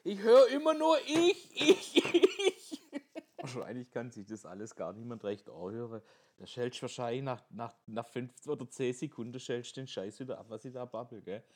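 A man telling jokes in a casual podcast monologue, chatty and quick to laugh at his own punchlines, recorded on a headset microphone. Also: medium pitch, darkish tone, husky.

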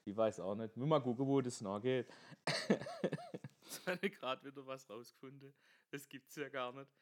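A man telling jokes in a casual podcast monologue, chatty and quick to laugh at his own punchlines, recorded on a headset microphone. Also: medium pitch.

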